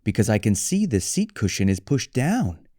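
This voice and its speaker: A man's voice: lowish voice, very animated, moderate pace, warm tone, dry recording, clean studio sound. A man voicing a motherly, proper and puzzled grown female bear in a children's storybook.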